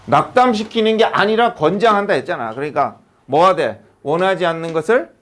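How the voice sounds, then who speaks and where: A man's voice: sits high, brisk. A man teaching an English lesson to a class of students in a classroom, asking rhetorical questions one after another. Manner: animated, asks constant rhetorical questions. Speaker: high school English teacher.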